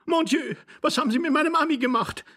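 An actor voicing a melodramatic aristocratic lady who wails in a shrill falsetto and throws in French exclamations. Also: quick pace, bright, forceful tone. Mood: hysterical. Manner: wailing, theatrical.

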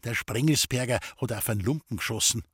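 A man's voice: mid-range voice, quick pace, fairly bright tone, husky, dry recording, studio quality. A man voicing a young forester's son, a sheepish lad speaking.

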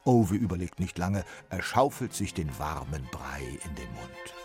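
Deep male narrator, highly animated reading, soft music under him. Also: a little slow. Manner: lively, expressive reading. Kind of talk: storybook narration.

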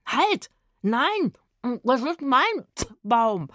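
A woman's voice: medium pitch, expressive, moderate pace, dry recording, studio quality, close to an everyday voice. A woman doing a cheeky, whiny young vagabond man. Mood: greedy. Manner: loud, whiny and theatrical. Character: cheeky, grumpy, always-hungry young male vagabond trombonist.

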